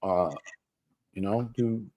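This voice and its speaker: A man's voice: lowish voice, steady tone, takes it slowly, warm tone. A man hosting a casual livestream for gamblers in recovery, plain-spoken and slangy, coaching listeners directly and laughing easily between points. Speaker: podcast host for gamblers in recovery.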